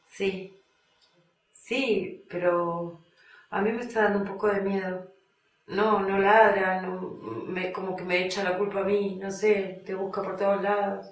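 An actress plays an Argentine woman left by her lover, talking into the phone to a man we never hear. She speaks slowly and softly, letting long pauses hang, in a voice that rings in an echoey room. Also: mid-range voice, little pitch movement, distant mic, a little hiss or hum, lightly acted. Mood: hushed, pleading. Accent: Argentine Spanish. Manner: speaks to an unheard caller, breaks into screams and sobs. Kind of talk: stage monologue on the phone.

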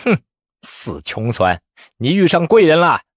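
A man voicing a greedy, cowardly male exam official who mocks candidates with a shrill, sneering voice. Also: sing-song, moderate pace, no echo, studio quality. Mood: wheedling. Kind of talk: storytelling voice acting.

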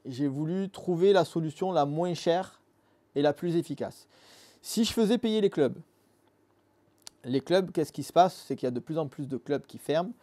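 This Marseille-born man in his thirties founded an app and is being interviewed in a dim motorcycle workshop studio, recorded on a lapel mic. His voice sits a little high and mellow at a moderate pace, and he explains things step by step in casual, earnest speech full of fillers.

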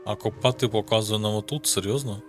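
The Ukrainian-accented gaming host talks quickly here in a voice on the low side. Game music runs in the background as he tosses out casual commentary, muttering to himself and swearing now and then.

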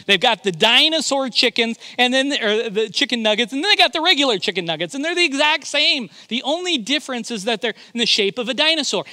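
A man's voice: extremely high pitch, sharp tone, no echo, studio quality. A male pastor preaching a sermon, emphatic and often repeating his words as he begins a thought.

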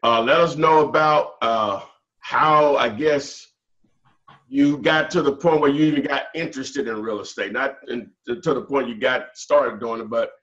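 A man's voice: mid-range voice, normal speed, a bit bright, muffled recording. A man hosting a podcast, asking questions in an easygoing way over a video call. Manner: easygoing, brief acknowledgments. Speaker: podcast host. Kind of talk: casual interview.

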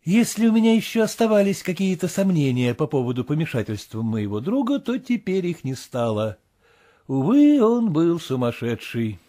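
A man's voice: a little high, sing-song, moderate pace, mellow. A man reading literary prose aloud as an audiobook narrator, telling the story expressively.

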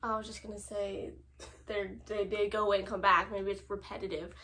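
A young woman in casual chat, reading messages aloud and giving advice in a halting, informal way. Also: medium pitch, little pitch movement, sharp tone, a little hiss or hum. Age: young adult. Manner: halting, informal, filler-heavy. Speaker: co-host reading viewer confessions and giving advice. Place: small room at home, indoors.

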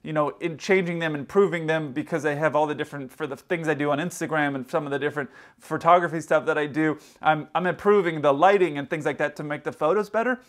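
A man in his thirties, an airline pilot, telling stories casually to the camera in a hotel room and acting out other people's lines. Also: on the high side. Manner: animated, acts out other people's lines in quick quoted bits.

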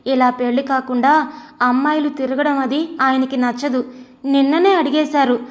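A woman's voice: high-pitched, fairly even intonation, normal speed, close to an everyday voice. Woman narrator doing an anxious, earnest young woman pleading with her lover in a storybook reading.

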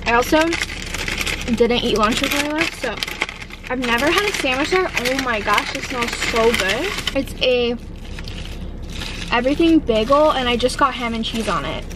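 A woman's voice: a little high, background noise. A woman chatting casually to camera in a day-in-my-life vlog, bubbly and full of "like" and "um". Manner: bubbly, chatty, filler-heavy with "like" and "um". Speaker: vlogger.

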